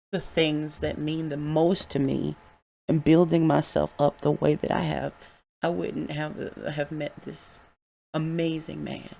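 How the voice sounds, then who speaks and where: Podcaster talking straight from the heart, gravelly voice, swears a bit. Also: mid-range voice, warm tone, a little hiss or hum. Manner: candid and heartfelt, with casual swearing. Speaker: podcast host. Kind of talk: reflective solo monologue.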